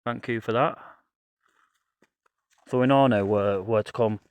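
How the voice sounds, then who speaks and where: Outdoors on a path at night, a paranormal investigator narrates a casual ghost-hunt vlog, musing aloud both to himself and to spirits. His voice is medium in pitch, a little slow, and free of echo.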